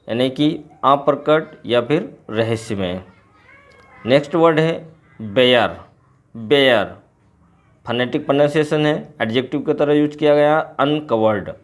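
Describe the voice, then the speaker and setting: An English teacher with a mid-range voice goes through a poem's glossary word by word during a lesson. He says each word slowly, then gives its meaning in English and Hindi.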